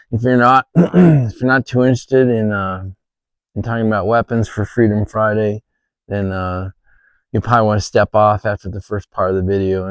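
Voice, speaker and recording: Low-pitched man, casual backyard video chat. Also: no room sound. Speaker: vlogger. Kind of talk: casual talk to camera. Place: outdoors in a backyard.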